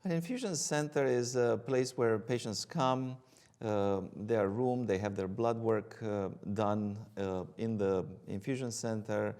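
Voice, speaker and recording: A man's voice: fairly low pitch, measured pace, darkish tone. A middle-aged man from Romania, speaking with a Romanian accent, a guest physician explaining his work with frequent ums and uhs. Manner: hesitant, many ums and uhs.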